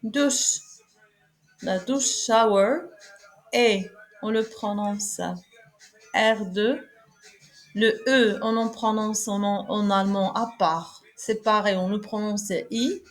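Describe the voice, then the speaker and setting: A woman speaks at a very slow, deliberate pace, spelling out German letters and repeating every word in German, French and English. Her pitch sits mid-range and she hesitates with fillers between examples. Soft music plays faintly behind her. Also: steady tone. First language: Arabic. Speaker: German teacher. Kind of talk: slow alphabet lesson.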